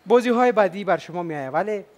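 A man's voice: high-pitched, expressive. A man with an Afghan Dari accent hosting a game show, upbeat and chatty, coaxing the contestants with questions.

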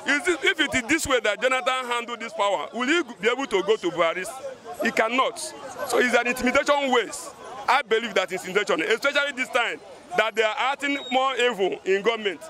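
A middle-aged man speaks in a very high voice, pressing the same complaint again and again. He talks into a handheld mic on a busy street, with a crowd chattering clearly behind him. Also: animated, fast. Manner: emphatic, repetitive complaint. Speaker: passer-by interviewed in the street. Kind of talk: street vox pop opinion. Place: busy city street outdoors. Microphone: handheld mic held by interviewer.

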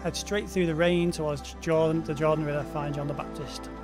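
Male let's player: higher-pitched, wry, offhand commentary over light game music. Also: steady tone, fairly quick. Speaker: let's play host.

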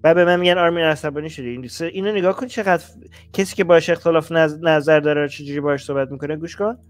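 A man's voice: fairly high pitch, steady tone, faint music behind. Blunt, heated male commentary host. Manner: blunt, exasperated, rising heat. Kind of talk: reaction commentary on clips.

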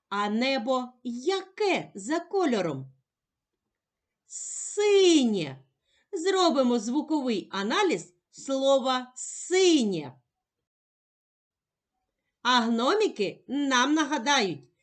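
Female teacher with a Ukrainian accent, slow and gentle. High, very lively pitch, careful enunciation. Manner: gentle, sing-song teacherly, over-enunciated. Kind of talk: slow, clear phonics lesson for young children.

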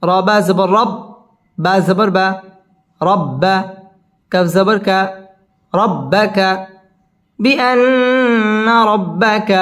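A man teaching Quran recitation, spelling out letters and chanting verses slowly with tajweed. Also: sits high, fairly bright tone.

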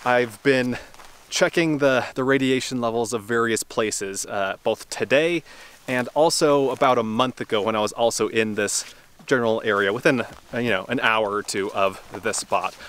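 Outdoors at a remote test site, a young adult travel vlogger narrates in an easygoing way, musing aloud and laughing softly now and then. His medium-pitched voice is a bit bright, with a little hiss or hum.

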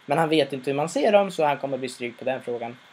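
A man's voice: medium pitch, animated, darkish tone, a little hiss or hum. A man casually retelling a story, rambling with fillers and restarts. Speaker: episode recapper.

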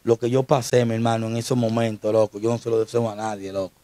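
A man's voice: lowish voice, level tone, fast, mellow, dry recording. A young Dominican man, an interview guest, telling an emotional personal story in slangy street talk. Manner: slangy, repeats street address terms.

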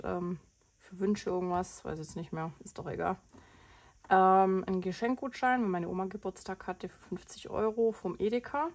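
Her fairly low, a little mellow voice carries a rambling budgeting vlog as she casually goes over her expenses with plenty of fillers, clearly nursing a cold.

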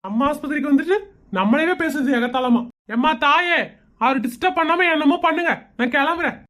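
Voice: high voice, a little fast, a bit bright. A woman voicing an irritated, sarcastic doctor in a comedy cartoon.

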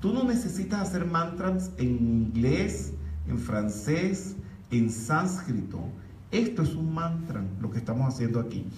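A man's voice: on the high side, big pitch swings, unhurried, a little mellow. A middle-aged man giving a spiritual lecture to an audience, with the projected voice of a former opera singer and an emphatic delivery. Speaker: metaphysics lecturer. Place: lecture hall in Mexico. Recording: echoey hall, far from mic, faint hiss.

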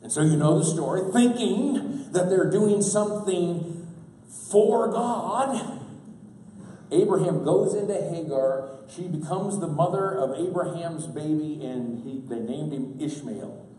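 A pastor preaching a folksy, humorous sermon at a church camp, heard from a distance in a large hall. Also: male voice, a little high, lively intonation, takes it slowly, warm tone. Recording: echoey hall from far off.

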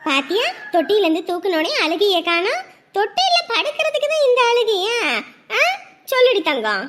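An actress playing a young mother who coos and hums softly to her crying baby. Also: extremely high pitch, big pitch swings, moderate pace, slight background noise. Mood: tender. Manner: soft, cooing, sing-song. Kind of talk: Tamil family drama acting.

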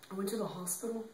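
A man's voice: high voice, noisy background. A man playing a tearful, tender boyfriend. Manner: halting, tearful, repetitive pleading. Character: young man tenderly consoling his grieving girlfriend. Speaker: actor in an improv demo reel. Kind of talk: improvised dramatic monologue. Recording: roomy, distant from the mic.

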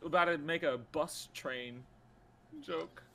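A man's voice: on the high side, slow pace, vocal fry, fairly bright tone. A man chatting casually while playing a game, joking, swearing freely and laughing a lot, with game music behind. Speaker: let's play gamer. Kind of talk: casual gaming chat.

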